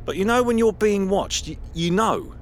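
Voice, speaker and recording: A man voicing a young male artist on a phone call, talking in an animated, playfully teasing way, his voice raised above his narrating tone. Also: high voice, moderate pace, soft background music, pitched above the performer's own voice. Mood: uneasy. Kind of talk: audio drama acting.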